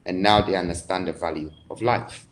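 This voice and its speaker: A man from Ghana, a guest in a live online interview, speaking in grand, declamatory phrases with dramatic pauses. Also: low voice, a little hiss or hum, rough recording.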